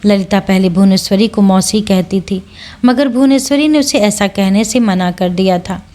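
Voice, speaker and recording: A woman storyteller reads a classic novel aloud in a steady, measured voice. Her pitch sits in an ordinary middle range. Her delivery is scripted audiobook narration.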